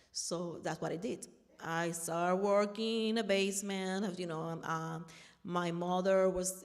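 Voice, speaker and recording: In a big-sounding room, a middle-aged Puerto Rican woman with a lowish voice and a Puerto Rican Spanish accent speaks earnestly at a panel. An artist and activist, she tells her personal story, often restarting as she searches for words.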